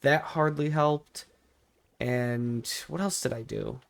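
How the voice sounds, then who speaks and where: A man's voice: mid-range voice, slow, gravelly, clean tone. A young man telling a personal story in a casual vlog style, rambling and repeating himself with emphatic, exaggerated complaint. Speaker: video creator.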